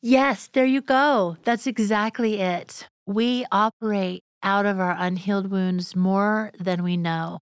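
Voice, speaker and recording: A woman hosts a podcast interview in an unhurried, gentle, affirming way. Her pacing is very slow. The recording is dry and close, with no room sound. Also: medium pitch, steady tone, clean tone, no echo. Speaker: podcast host. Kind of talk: conversational interview.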